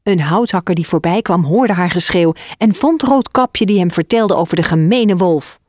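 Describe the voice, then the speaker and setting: A woman narrating a children's fairy tale in an expressive, scripted reading. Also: fairly low pitch, normal speed, very noisy.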